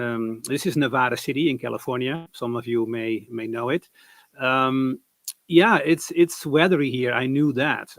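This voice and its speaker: A man, the show's producer, telling his story in a hesitant casual way with many pauses. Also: mid-range voice, gravelly, a bit bright, no echo. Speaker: producer, guest. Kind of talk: casual live chat. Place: home in the California mountains.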